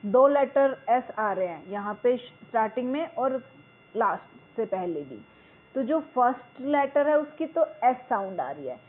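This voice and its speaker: Slow-spoken woman teacher, tinny phone-like sound. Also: a little high. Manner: reads English lines slowly and deliberately, explains in Hindi. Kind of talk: explaining a school English lesson.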